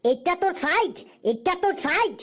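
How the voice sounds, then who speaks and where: A woman voicing a hot-tempered man in a comic cartoon dub, scolding and ranting in a shouty, repetitive way. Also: very high voice, very animated, moderate pace.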